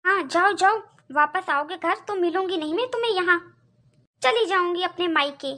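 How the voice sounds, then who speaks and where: A woman voicing a shrill, quarrelsome young wife. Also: normal speed, fairly bright tone. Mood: angry. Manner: complaining, argumentative. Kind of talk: cartoon voice acting.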